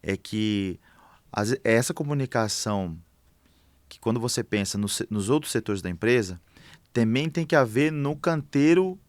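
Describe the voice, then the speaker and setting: A man talks through his ideas as a guest in a podcast interview. His voice is smooth and resonant at a middle pitch. He stops and restarts often, and the recording is close and dry. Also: animated, no echo. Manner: halting, thinks aloud with many fillers. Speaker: construction manager guest.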